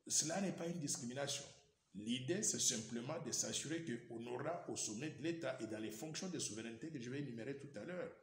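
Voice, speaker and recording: A middle-aged Congolese man speaks French in a formal, step-by-step manner, laying out his points one after another. His voice carries around an echoey room, and faint noise sits underneath it. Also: medium pitch. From Democratic Republic of the Congo. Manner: formal, methodical explaining. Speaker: politician guest. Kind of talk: interview answer.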